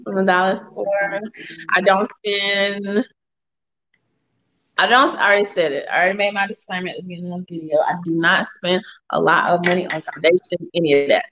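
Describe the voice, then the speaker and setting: A woman co-hosting a live makeup show, chatting casually through a tutorial with relaxed, drawn-out phrasing. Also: on the low side, rough recording. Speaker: co-host of a makeup livestream.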